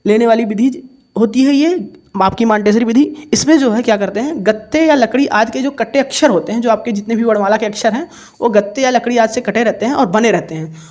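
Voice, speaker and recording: Man calmly teaching exam answers. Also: extremely high pitch. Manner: explains step by step, repeats each definition. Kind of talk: exam paper solution lesson.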